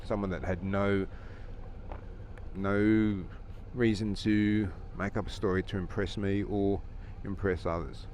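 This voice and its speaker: A man's voice: lowish voice, fairly even intonation, slow, a little mellow. A man talking from inside a motorcycle helmet in a casual, rambling, opinionated rant, as a motovlogger. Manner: opinionated, chuckling, conversational. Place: inside a helmet while riding a motorcycle outdoors. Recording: inside motorcycle helmet, engine and traffic noise.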